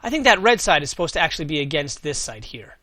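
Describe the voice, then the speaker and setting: Bright-voiced man thinking aloud over gameplay. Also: fairly high pitch, sing-song, fast, no room sound. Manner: thinks aloud, asking and answering own questions. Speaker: gaming video host. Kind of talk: casual gameplay commentary.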